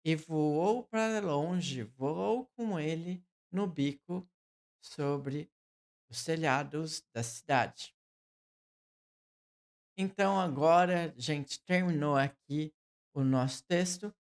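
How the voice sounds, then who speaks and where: A man with a Brazilian Portuguese accent teaching English pronunciation, repeating each word slowly for the learner. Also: fairly high pitch. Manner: repeats words slowly for drills. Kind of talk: pronunciation lesson.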